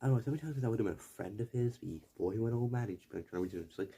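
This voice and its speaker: Low, mellow young man rambling. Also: racing, slightly rough. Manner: digressive, self-correcting, mildly profane. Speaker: video essayist. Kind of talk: rambling casual commentary. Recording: faint background noise.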